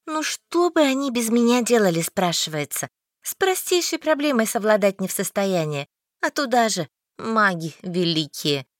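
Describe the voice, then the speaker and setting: A woman reading first-person fiction aloud in a wry, expressive manner. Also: mid-range voice, moderate pace, no echo, studio quality. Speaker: audiobook narrator.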